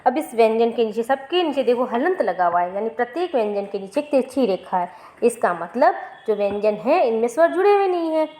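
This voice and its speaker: A woman teacher gives a recorded grammar lesson to young pupils, asking questions and then answering them herself and repeating each word slowly. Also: on the high side, darkish tone. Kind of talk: recorded Hindi grammar lesson for fourth graders.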